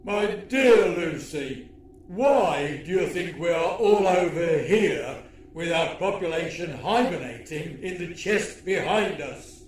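A man's voice: on the high side, expressive, slow, roomy sound, a little hiss or hum. A man voicing a gloating male alien villain leader in a storybook reading, speaking with a sneering, mocking manner. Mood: menacing.

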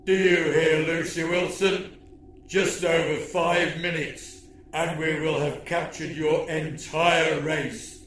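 A man's voice: fairly high pitch, flat delivery, slow pace, fairly bright tone, roomy sound, a little hiss or hum. A man voicing a gloating male alien villain leader in a storybook reading, speaking with a sneering, mocking manner.

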